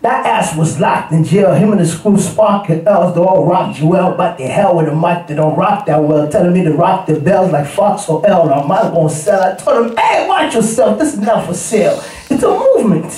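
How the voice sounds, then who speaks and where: A man's voice: high voice, expressive, moderate pace, few pauses, dark tone. A man from Congo performing spoken-word rap in a rhythmic rhyming flow, chatting casually to the crowd between pieces. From Democratic Republic of Congo. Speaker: rapper. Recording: echoey room, far from the mic.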